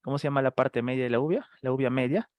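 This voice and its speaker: A man teaching a live online medical class, firing quick questions at students and acting out screaming patients. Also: medium pitch, a little mellow, dry recording. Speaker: medical lecturer.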